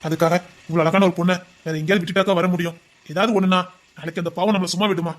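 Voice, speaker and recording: A man acts out a dutiful village policeman. His voice stays soft and reassuring. He speaks with quiet, gentle care in a Tamil audio drama. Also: sits high, steady tone, very fast, lightly acted. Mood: calm.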